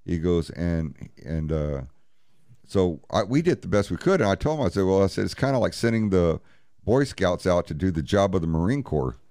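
A man's voice: deep voice, sing-song, normal speed, a little mellow, no room sound, clean studio sound. A man, a paranormal investigator, telling a story in an interview and bluntly acting out each exchange with "he goes" and "I said". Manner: blunt, profane, retells scenes with "he goes, I said".

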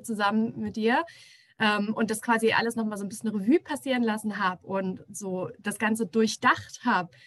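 Woman podcast co-host, a touch high, measured and thoughtful, casual review talk. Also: a bit bright.

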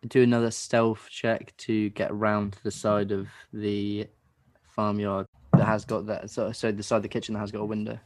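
Laughing game master, low voice. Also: male voice, flat delivery, normal speed. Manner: chatty, laughs often, drops to a hush for tense moments. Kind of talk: narrating a tabletop game.

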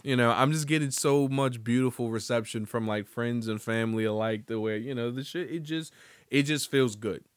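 A man hosts his own podcast in a casual solo monologue, rambling loosely and joking with lots of swearing. His voice is medium-pitched and smooth, at a normal speed, in a dry recording.

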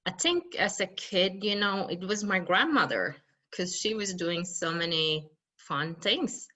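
A woman's voice: on the low side, lively intonation, measured pace, pushed and bright. A woman with a Norwegian accent answering interview questions, hesitant and full of fillers. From Norway. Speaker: guest, mountaineer and entrepreneur.

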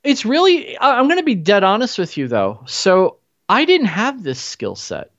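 A man's voice: sits high, wildly swooping pitch, moderate pace, a bit bright, dry recording. Earnest motivational man, dry lo-fi sound. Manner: earnest, motivational, emphatic repetition. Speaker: podcast guest. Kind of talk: casual conversation.

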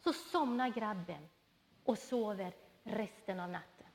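A middle-aged woman preaching a sermon, telling personal stories in a lively way and acting out the voices she quotes. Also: mid-range voice, vocal fry. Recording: reverberant hall.

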